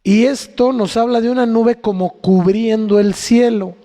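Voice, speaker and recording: A pastor with a Mexican accent preaches a conversational sermon in a church hall, often putting questions to the congregation. His voice is high but dark in tone. Long church hall reverb fills the recording.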